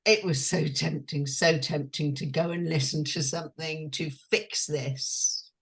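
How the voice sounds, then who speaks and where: Slow, gravelly woman coach. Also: deep voice, fairly even intonation. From London. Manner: slow, hushed and intimate, dwelling on each phrase. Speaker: guest, transformational coach. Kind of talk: reflective personal storytelling.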